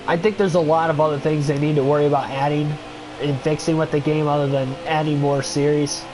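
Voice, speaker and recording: On a home recording with a steady hum of noise beneath it, a young gaming livestreamer with a stuffy nose chats casually and comments on a race. His voice is a little high for a man, and he rambles and thinks aloud, filling pauses with "uh" and "like."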